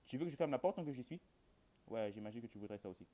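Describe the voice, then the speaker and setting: Racing through his words, a man with a dark, medium-pitched voice sounds expressive. A gamer hosting a video, he offers rambling horror game commentary straight to his viewers, colloquial in style and dry in humor.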